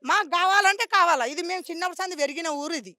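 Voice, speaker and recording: High, bright-voiced Telangana woman pleading. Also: very fast, no room sound, clean studio sound. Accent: Telangana Telugu. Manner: impassioned, pleading, repeats herself. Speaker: local resident interviewed on the street. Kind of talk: street interview complaint.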